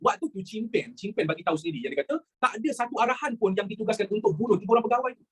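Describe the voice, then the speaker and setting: Racing and husky, with a high voice and lively intonation, a man with a Malaysian Malay accent teaches history conversationally. He works English words into the lesson, asks rhetorical questions, and repeats his phrases.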